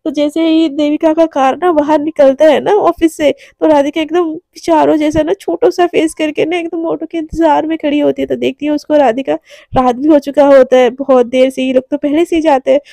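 A woman's voice: high-pitched, fairly even intonation, moderate pace, vocal fry, warm tone, dry recording, clean studio sound. A woman narrating a romance story casually, chatty and full of fillers. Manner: chatty, with many fillers and restarts.

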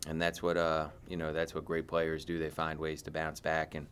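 A man's voice: rumbling low, monotone, normal speed, a bit bright, clean tone. A middle-aged man, a basketball head coach, answering reporters after a game in a blunt way, often repeating and restarting his phrases. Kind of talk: postgame press conference answers. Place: press conference room.

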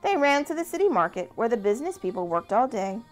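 A woman reading a picture storybook aloud to young church children, gentle and animated. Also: fast, soft background music. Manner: gentle, animated reading with lively pitch swings.

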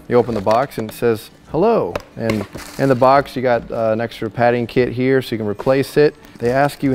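A man in his thirties in a warehouse, giving a chatty, jokey product walkthrough on a lapel mic and laughing at his own slips. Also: mid-range voice. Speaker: store product reviewer. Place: large warehouse, indoors.

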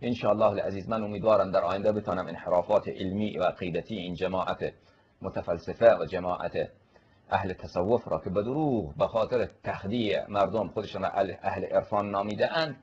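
A male cleric giving a forceful, polemical religious lecture, answering a questioner and quoting Arabic scripture. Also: deep voice, husky, dull audio.

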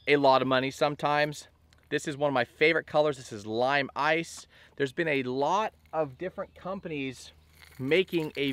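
A man in his thirties giving a relaxed, chatty fishing gear review to camera outdoors by a lake, with a lot of fillers. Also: medium pitch. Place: outdoors on a bass boat by a lake.

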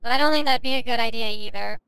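A woman's voice: fairly high pitch, quick pace, bright, forceful tone, clean tone, no echo, low-quality recording. A woman streamer giving casual gameplay commentary, sarcastic and swearing freely.

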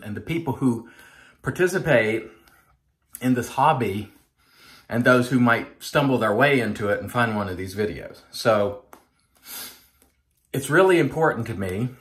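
A man's voice: medium pitch, lively intonation, normal speed, long pauses, a bit bright. A man in his forties, host of a shaving channel, talking earnestly and casually to the camera while he lathers and shaves in a small home bathroom. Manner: chatty, earnest, addresses viewers as folks.

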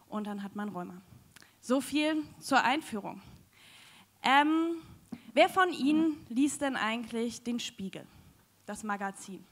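A young woman giving a chatty, joking science slam talk on stage into a handheld mic, with many fillers. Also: high-pitched. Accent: German. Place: large dim hall with audience.

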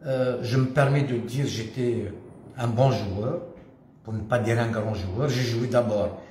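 A former community association leader, an older Kabyle man from Algeria, talks to camera in a relaxed personal monologue, his mid-range voice darkish in tone. He halts and hesitates, pausing often and speaking slowly. The recording, made in an echoey room at home with a stone wall and staircase, carries a little hiss or hum.

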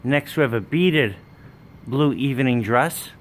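Man giving a warehouse walkthrough pitch. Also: a little slow, a little hiss or hum. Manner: plain, listing items one by one. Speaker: wholesale business owner. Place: indoor warehouse with dress racks. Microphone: handheld phone camera, speaker off screen.

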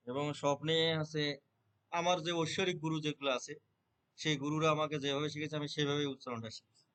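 A man's voice: fairly high pitch, fairly bright tone. A man earnestly explaining how he pronounces verses, talking in a loose conversational way and checking that the listener follows. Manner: earnest, repeats filler words, chants verses rapidly in recitation. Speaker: Gita reciter. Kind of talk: conversational interview answers.

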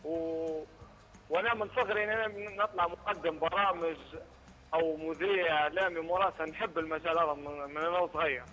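A young man with a Libyan accent, a media student, calls in to a TV show by phone and talks in a halting way while he searches for his words. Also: on the high side, fairly even intonation, pushed and bright, soft background music, poor audio. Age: young adult. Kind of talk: phone interview. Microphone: phone call.

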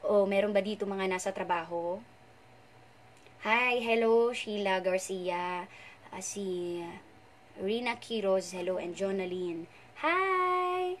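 A woman's voice: mid-range voice, steady tone, slow, long pauses, a little hiss or hum. A young woman hosts a casual live stream from home, chatting playfully and reading out viewers' names and greetings. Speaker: radio host doing a live stream.

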